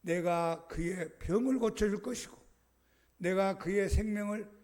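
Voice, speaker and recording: A man, a pastor, voicing God as a slow, solemn male voice issuing decrees to a prophet. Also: high voice, a little mellow.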